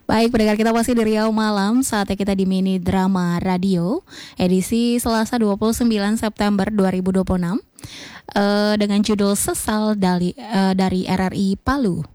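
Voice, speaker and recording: A woman's voice: medium pitch, fairly even intonation, moderate pace, darkish tone, dry recording. A woman radio presenter introducing a programme in a scripted announcing style. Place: dry radio studio, faint music behind.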